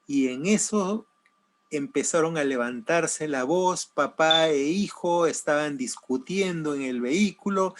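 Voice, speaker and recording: A man preaching a sermon, telling a story slowly, his voice swinging between raised emphasis and hushed, soft passages. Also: fairly high pitch. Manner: slow, dramatic swings between loud and hushed. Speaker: pastor.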